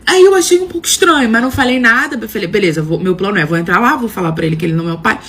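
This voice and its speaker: A woman's voice: medium pitch, expressive, racing, a bit bright, breathy edge. A young woman telling a personal story casually, acting out quoted dialogue with dramatic flair and often tossing in filler phrases. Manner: frequent filler "não sei o quê".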